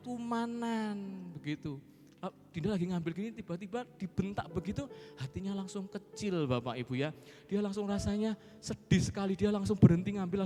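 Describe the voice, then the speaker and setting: A male pastor preaching a sermon. He swings between soft asides and loud emphasis, and he speaks directly to his congregation. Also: high-pitched. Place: large church hall. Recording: reverberant church hall with music behind.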